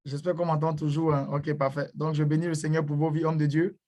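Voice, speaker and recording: A man's voice: fairly high pitch, level tone, fairly quick, darkish tone. A man speaking at an online church conference, greeting and blessing people with frequent hesitations.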